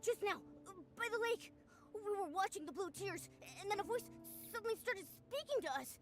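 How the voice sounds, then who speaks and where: Momo, a squeaky little companion creature. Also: female voice, expressive, fairly quick. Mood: worried explaining. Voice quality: squeaky, childlike. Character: small, excitable, anxious, loyal companion creature. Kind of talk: video game voice acting. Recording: music under the voice.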